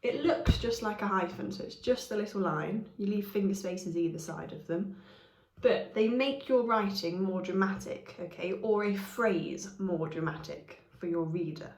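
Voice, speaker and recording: Woman teacher for a grammar lesson, patient, checks in with "okay?", mid-pitched, echoey room. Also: moderate pace, darkish tone.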